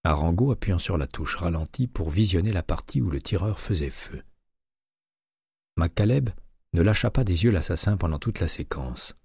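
A man narrating a crime novel audiobook in a measured, even reading. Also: sits low, creaky, husky, dry recording, studio quality.

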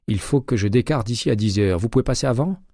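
A male audiobook reader voicing a guarded female police detective, raising his voice for her brisk, clipped phone talk. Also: medium pitch, expressive, a little mellow, husky, no echo, studio quality, voice pushed up.

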